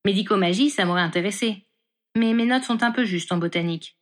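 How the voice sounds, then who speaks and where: A woman voicing a blunt, sharp-tongued young woman in a storybook reading. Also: medium pitch, a little fast, lightly acted. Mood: fond. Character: blunt teasing young woman, Ron's sister.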